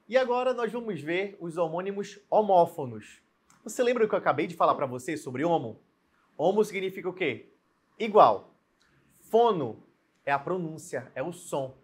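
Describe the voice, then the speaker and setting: A Brazilian man teaching a grammar lesson on video. He explains slowly, repeats key points and asks the learners questions. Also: on the high side, husky. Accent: Brazilian Portuguese.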